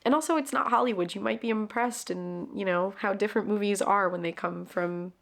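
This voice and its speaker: A woman's voice: medium pitch, fairly quick, gravelly. A woman talking casually about favorite stories, chatty and loose, swearing now and then and acting out quotes. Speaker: book and film reviewer. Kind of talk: casual recommendation talk.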